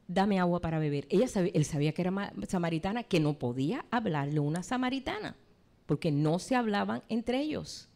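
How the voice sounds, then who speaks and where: Woman preacher doing a sermon, lively storytelling voice, kinda high, asks the congregation stuff. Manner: animated storytelling, addresses the congregation.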